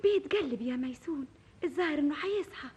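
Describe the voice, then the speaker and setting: An anxious young village girl in a vintage radio play, speaking with an Egyptian accent. Her voice is very high and swings widely, and the words tumble out fast and urgent. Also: expressive, darkish tone. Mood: hushed. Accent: Egyptian Arabic. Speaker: Fatma, friend of the heroine. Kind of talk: 1960s-style Egyptian radio drama acting.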